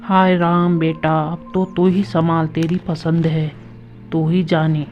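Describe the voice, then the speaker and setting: A sharp-tongued middle-aged mother-in-law scolds and mocks in a low, slow, flat voice, as a woman acts her out. The cartoon audio is dull and lo-fi, with soft music underneath. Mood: scolding. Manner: scolding, mocking.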